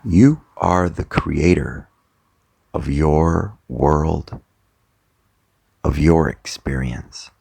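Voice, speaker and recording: This guided meditation and soft motivational talk comes from a male coach whose voice is extremely low, creaky, gravelly, husky and slightly mellow. His short, deliberate phrases are spaced by long pauses, captured close and dry with no room sound.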